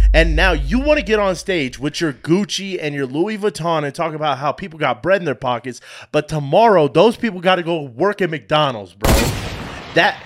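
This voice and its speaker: A man's voice: a little high, fairly bright tone, a little hiss or hum. A man speaking bluntly and emphatically in slangy, casual, heated commentary. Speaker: panelist giving a pastor's opinion.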